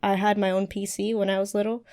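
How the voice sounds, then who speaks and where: A woman's voice: medium pitch, flat delivery, fast talker, darkish tone. Young woman chatting easily on a podcast. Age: young adult. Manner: easygoing, giggly. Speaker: streamer and dance teacher, podcast guest. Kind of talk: casual podcast chat.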